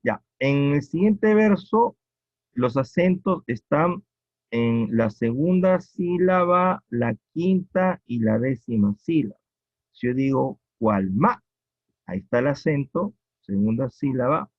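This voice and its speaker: A man with a Peruvian accent teaching a poetry lesson, explaining slowly and repeating each point with checking questions. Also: mid-range voice, animated, no echo. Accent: Peruvian Spanish. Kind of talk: classroom lecture on poetry. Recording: dull lo-fi recording.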